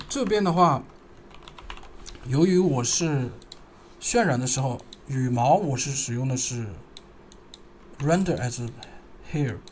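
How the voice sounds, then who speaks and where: A man with a mid-range voice narrates a screen-recorded software tutorial, thinking aloud and speaking haltingly as he pauses while working. There is a little hiss or hum in the recording.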